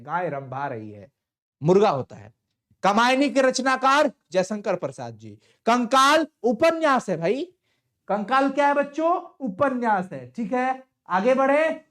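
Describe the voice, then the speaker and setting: A man teaching a live online exam-prep lesson, quizzing students and repeating each answer with playful asides. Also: high-pitched.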